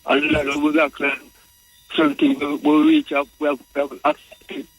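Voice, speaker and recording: A man's voice: fairly high pitch, sing-song, normal speed, creaky, breathy edge, no room sound, rough recording. A Jamaican man calling in to a talk show, speaking in Rasta speech and reasoning, often repeating and circling back over his phrases. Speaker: radio call-in guest.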